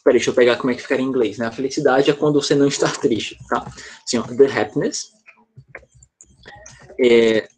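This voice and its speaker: A man's voice: mid-range voice, fairly even intonation, a little fast, long pauses, darkish tone, slight background noise. A male teacher explaining a grammar point to students on a video call, patient and step by step, often checking whether they follow. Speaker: English teacher. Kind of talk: online class explanation.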